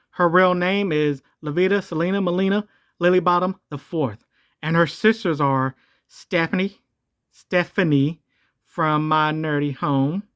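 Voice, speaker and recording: Using a voice changer that morphs and shifts the voice, a video host rambles through comedic commentary. They crack jokes, correct themselves as they go, and their pitch jumps around.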